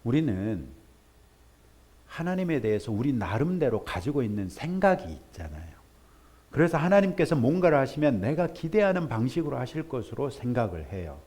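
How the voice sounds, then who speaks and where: A male pastor preaching a sermon, telling a story with lively acted-out voices for the people in it. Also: mid-range voice, moderate pace, husky. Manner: animated storytelling, acts out characters in raised voice.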